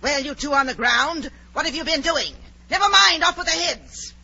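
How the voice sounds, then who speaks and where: A woman's voice: sits high, expressive, moderate pace, sharp tone, heavily acted. An actress playing an imperious, hot-tempered queen who barks commands, in 1940s radio drama style. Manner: domineering, barking commands. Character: imperious, hot-tempered Queen of Hearts, bellowing execution orders. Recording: noisy, muffled 1940s radio recording.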